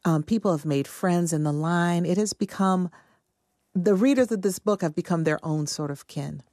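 A woman novelist with a low, mellow voice talks about her book in a reflective, earnest way. The sound is close and dry. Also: normal speed, no room sound. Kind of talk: interview answers.

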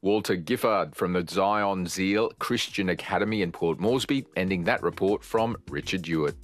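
A man hosting a radio news program, wrapping up in a measured, announcer-like way. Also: deep voice. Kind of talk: scripted radio sign-off.

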